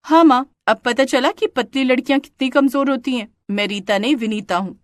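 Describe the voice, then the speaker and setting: A woman's voice: high-pitched, brisk, no room sound, pitched above the performer's own voice, close to an everyday voice. A woman voicing a proud young woman in a cartoon story, triumphant and lecturing. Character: proud young woman who taught a lesson.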